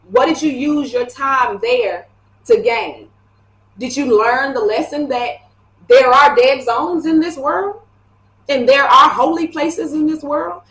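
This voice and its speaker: Animated woman reading tarot in an echoey room. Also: high-pitched. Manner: animated, chatty, laughs often. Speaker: tarot reader. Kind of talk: casual tarot reading to camera.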